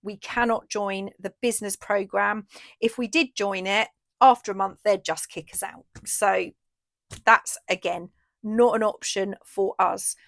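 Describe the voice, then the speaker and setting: A woman from the UK, a craft shop owner chatting through a casual video update and an unboxing, says she is losing her voice and gets excited over each item. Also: medium pitch, a little slow, vocal fry, no room sound. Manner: chatty, enthusiastic, frequent ooh and fillers.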